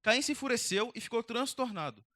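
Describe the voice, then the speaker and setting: A young man preaching to teenagers as a youth pastor, direct and conversational, energetic. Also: extremely high pitch, brisk, no room sound, clean studio sound. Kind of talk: youth sermon.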